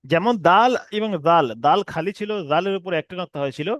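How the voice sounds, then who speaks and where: A man teaching an online reading class, who explains patiently and drags out each letter name slowly. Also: high voice, a bit bright, no room sound, dull audio. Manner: explains patiently, repeats letter names slowly with long drawn sounds. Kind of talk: recorded online class lesson.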